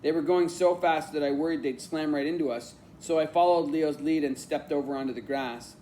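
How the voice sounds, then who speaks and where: Brief: male audiobook narrator, calm reflective storytelling, a faint hiss behind. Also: a little high, fairly quick. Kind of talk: scripted narration.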